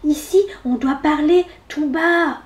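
A woman's voice: high-pitched, slow, reverberant, voice pushed up. A woman voicing a small, timid female mouse with a whispery little voice in a storybook reading. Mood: hushed, helpful.

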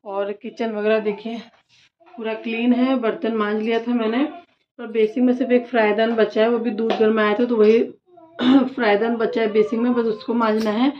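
A woman's voice: on the high side, little pitch movement, normal speed, a little hiss or hum. A woman in her thirties chatting casually to viewers as she walks through her home chores and evening routine. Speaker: vlogger and mother. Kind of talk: casual home vlog narration. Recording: slightly dull lo-fi phone audio.

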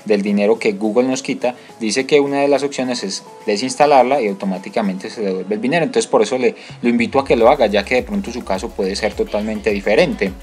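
A man's voice: fairly low pitch, a little fast, hardly any pauses, darkish tone, soft background music. A man with a Colombian Spanish accent explaining a screen-recorded tutorial step by step, with many fillers and restarts. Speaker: tutorial host.

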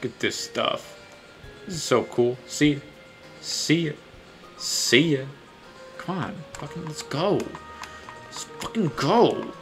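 A man's voice: on the high side, slow pace, long pauses, a bit bright, faint music behind. A man casually commenting on a video game as he plays, loose, chatty and swearing often. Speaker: gaming video host. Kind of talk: casual let's-play commentary.

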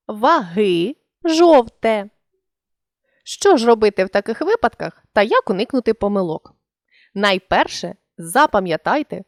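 A woman narrating a scripted language lesson, sounding out example words slowly and deliberately. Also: mid-range voice, no echo, studio quality.

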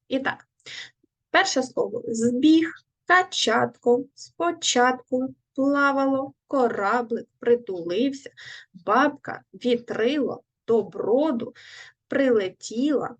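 A woman teaching a recorded lesson to young children, speaking clearly and patiently, asking questions and praising her pupils. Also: on the high side. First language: Ukrainian. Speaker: primary school teacher.

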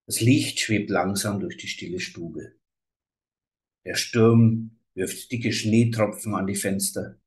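Male storyteller, measured, unhurried fairy-tale reading. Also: fairly low pitch, a little mellow.

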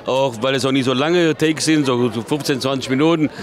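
A man from the audience speaking casually in an interview, relaxed and appreciative. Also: medium pitch, brisk. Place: outdoors at festival.

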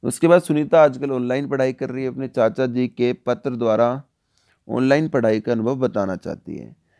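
Guy teacher going over a kids worksheet, gravelly mellow voice, keeps asking the class stuff. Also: medium pitch. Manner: explains slowly, often asks the class questions. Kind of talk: online worksheet lesson for children.

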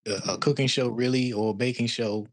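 Speaking fairly quickly with medium pitch and fairly even intonation, a forties-aged man pushes his guest directly during a video-call coaching session in his living room, often repeating words. A studio mic on an arm gives a dry recording.

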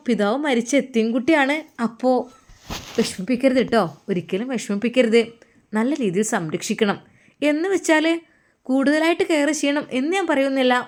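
A woman's voice: fairly high pitch, natural voice. A woman voicing an earnest older mother who admonishes firmly. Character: elderly woman, mother-in-law, solemn and earnest.

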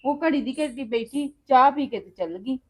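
Defensive woman, high voice. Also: normal speed. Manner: defensive, explaining. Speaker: wife in a family drama. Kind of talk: amateur Punjabi family drama acting.

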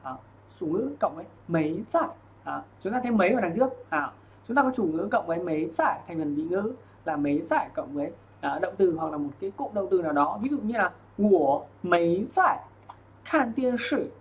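A man teaching an online language lesson, explaining patiently, checking in often and reading examples slowly. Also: high-pitched, expressive. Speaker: Chinese teacher.

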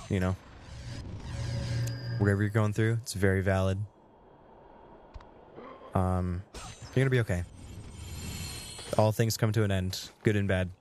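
A Twitch streamer of about twenty-one chats casually with his viewers while gaming, game music playing behind him. He has a lowish, slightly mellow voice, and there's a bit of hiss or hum.

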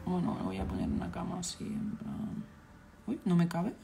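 A woman's voice: lowish voice, moderate pace, creaky, background noise. A woman from Valencia with a Valencian accent, chatting casually on a live stream and scolding the characters in her game. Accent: Valencian Spanish. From Valencia, Spain.

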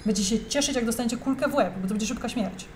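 A young adult woman with a fairly high, slightly mellow voice races through heated reaction commentary, speaking straight to her viewers. She's indignant and emphatic, and a little hiss or hum sits under the audio.

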